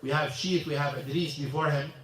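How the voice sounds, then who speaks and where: Speaking briskly with fairly even intonation, a man with a fairly high, fairly bright voice teaches a casual religious lesson in a mosque hall. He talks in broken English, often repeating himself, and is picked up by a far-off mic in the echoing space.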